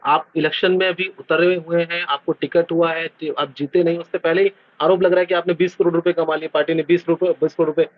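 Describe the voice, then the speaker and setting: A man from Delhi working as a reporter, asking quick, pressing interview questions. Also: on the high side, little pitch movement, no room sound, narrow, tinny audio. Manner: quick, pressing questioner with many hmm acknowledgements.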